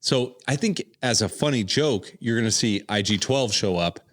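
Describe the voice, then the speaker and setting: A man co-hosting a casual podcast, animated and jokey, steering the discussion. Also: on the low side, moderate pace. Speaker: podcast co-host.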